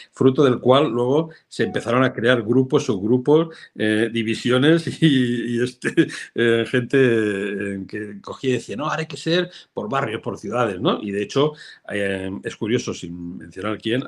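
Older man, low-voiced, animated anecdote teller in a live interview. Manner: animated storyteller, acts out quoted voices. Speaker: real estate professional, guest. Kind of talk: casual live interview chat.

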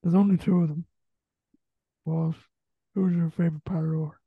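A man's voice: a little high, flat delivery, moderate pace, creaky, slightly rough, no room sound. A man in his late teens with a west of Ireland accent, hosting a casual sports interview. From Galway, Ireland. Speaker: podcast host. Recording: dull, muffled lo-fi audio.

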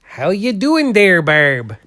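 A man's voice: sits high, huge pitch swings, slow pace, sharp tone, no room sound, full character voice. A man playing a rambling folksy painter. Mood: goofy. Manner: drawling, rambling, full of "uh" and "there". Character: folksy heavyset male portrait painter, goofy. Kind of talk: improvised comedy interview.

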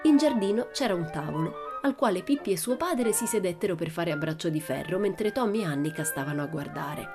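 A woman narrating a children's audiobook in a calm, measured, gently expressive manner. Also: lowish voice, loud music behind the voice. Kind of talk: storybook narration.

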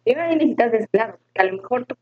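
A woman's voice: fairly high pitch, expressive, slightly rough. A woman with a Mexican accent chatting casually on a video call. Her audio glitches and cuts out over a bad connection. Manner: quick and chatty, says "o sea" a lot. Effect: glitching, cutting-out audio from a bad connection. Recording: dull lo-fi online call audio.

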